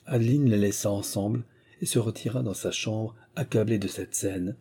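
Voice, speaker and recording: A man narrating a classic novel in a measured, even literary reading. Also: on the low side, breathy edge. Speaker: audiobook narrator.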